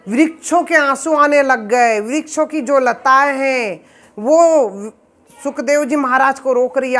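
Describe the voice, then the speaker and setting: Slow, high-voiced male scripture storyteller. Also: a bit bright. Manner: slow, emotive, preachy. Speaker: religious storyteller. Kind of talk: devotional scripture recitation.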